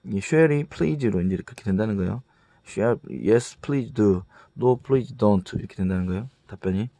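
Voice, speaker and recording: A man teaching English grammar in a casual, halting lecture, often restarting words and reading example sentences slowly with a Korean accent. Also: on the low side, animated, mellow, dry recording. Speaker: English tutor.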